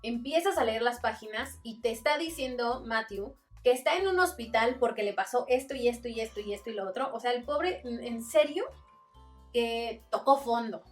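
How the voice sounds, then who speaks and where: A woman's voice: a little high, expressive, moderate pace, distant mic, soft background music. A woman with a Mexican accent, chatting casually in a book review vlog and acting out little quoted exchanges. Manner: chatty, acts out quotes with voices.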